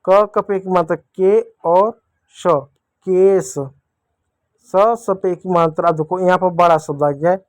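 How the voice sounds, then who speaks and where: A man's voice: high-pitched, fairly even intonation, no room sound. A man teaching young children to read, patiently sounding out syllables and asking them to repeat. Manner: patient, repeats syllables slowly and asks questions back. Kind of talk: children's Hindi reading lesson.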